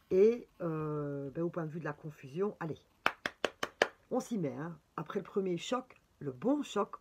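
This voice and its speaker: A woman with a Belgian French accent chats her way through a tarot reading, her voice sitting a little low. She talks freely, with plenty of fillers and exclamations. Faint noise hums under the recording. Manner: chatty, full of fillers and exclamations. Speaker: tarot reader. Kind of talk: casual horoscope reading.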